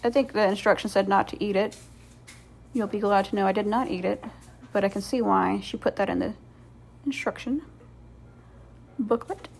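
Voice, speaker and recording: A woman hosts a craft video with a creaky, fry-edged voice at an ordinary female pitch. Her commentary is casual and rambling, dryly sarcastic in a playful way and quick to mock herself. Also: a little mellow. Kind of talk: casual voice-over commentary on painting.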